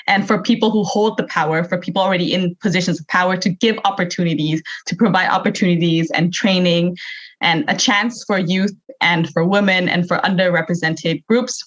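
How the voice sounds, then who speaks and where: Young woman, low dull recording. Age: young adult. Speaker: podcast guest, youth energy advocate. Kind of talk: conversational interview answers.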